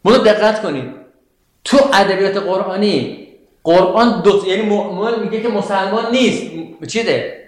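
A man with a high voice teaches a class about Quranic verses, stopping often to ask his listeners questions. He recites the Arabic verses slowly. The room is full of echo. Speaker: religious teacher. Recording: very echoey room.

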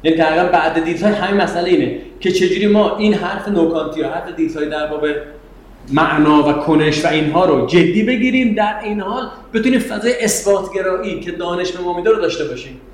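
A man's voice: high voice, a little hiss or hum. Man lecturing in an echoey classroom. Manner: conversational, digressive, asks students questions. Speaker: university lecturer. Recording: echoey room, faint background ambience.

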